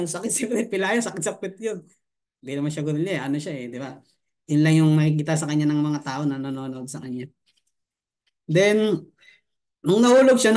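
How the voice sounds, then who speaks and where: A man's voice: on the high side, a little mellow. A man who coaches affiliate marketing, telling a funny story on a live stream and laughing often as he chats.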